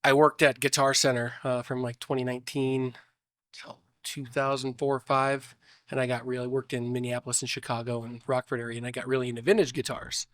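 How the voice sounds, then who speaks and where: A man's voice: medium pitch, flat delivery, fairly quick, a bit bright, no echo, clean studio sound. Sick, stuffy-voiced man in casual interview. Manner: rambling, many restarts. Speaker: shop owner guest.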